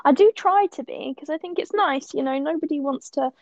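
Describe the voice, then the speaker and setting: A woman's voice: sits high, brisk, darkish tone, no echo, highs cut off. A woman who runs a small business, a guest on a podcast, talking in an upbeat, chatty way and laughing often. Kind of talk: casual interview chat.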